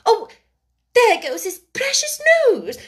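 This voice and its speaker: A woman voicing a polite, anxious young girl in a storybook reading, lifting her voice high and earnest. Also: sing-song, slow pace, exaggerated voice. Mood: alarmed. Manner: earnest, rising to alarm.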